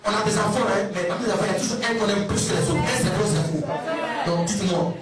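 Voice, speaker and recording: A man's voice: high voice, fast, a loud crowd. A middle-aged male pastor preaching emphatically, firing questions at the congregation and sometimes slipping into a sing-song delivery. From Ivory Coast. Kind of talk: sermon. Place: large church hall. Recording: echoey, distant church sound with music. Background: music.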